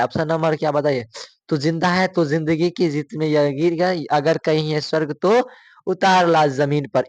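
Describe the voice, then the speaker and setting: A man's voice: a little high, dry recording. A male coaching teacher, running through exam questions, repeating each one and asking students for the answer.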